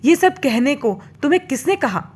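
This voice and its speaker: An angry, hurt young wife from a storybook tale, voiced by a woman, speaking in a sharp, raised, emotional way. Her voice sits high. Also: lively intonation, moderate pace.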